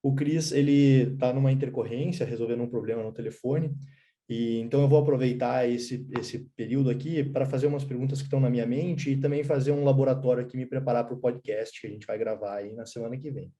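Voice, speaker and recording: A man's voice: mid-range voice, steady tone, fast, dark tone. A man in a casual online session, thanking the speaker and asking her questions in a friendly, conversational way.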